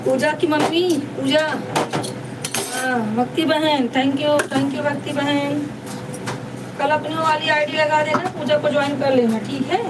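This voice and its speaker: Her voice is high and flat, at a measured pace, as she hosts a casual live stream and chats with viewers she calls sisters, often repeating herself. She's from Deoria district, India, recorded on a distant mic with a noisy background.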